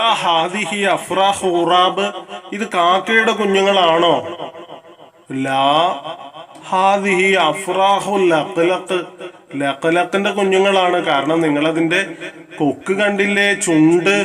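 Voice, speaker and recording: A man teaching young children Arabic in an online lesson. He patiently asks them questions and then answers them himself, giving each phrase in Arabic and then explaining it. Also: sits high.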